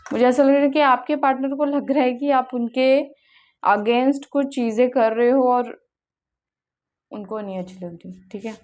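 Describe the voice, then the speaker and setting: High-voiced with a darkish tone, this young tarot card reader keeps things chatty for her viewers, frequently asking "okay?" and slipping English words into her speech.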